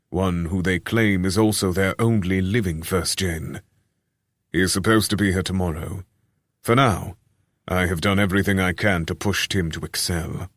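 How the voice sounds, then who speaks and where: A man voicing a calculating leader, speaking in a brisk, matter-of-fact way. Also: low-pitched, fairly bright tone, no echo, studio quality.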